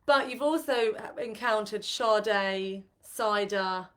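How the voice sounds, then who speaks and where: A woman's voice: mid-range voice, takes it slowly, fairly bright tone, a little hiss or hum. A woman co-hosting a casual live-stream chat, talking loosely with lots of fillers and restarts. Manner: chatty, many fillers and restarts. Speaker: co-host, retreat facilitator.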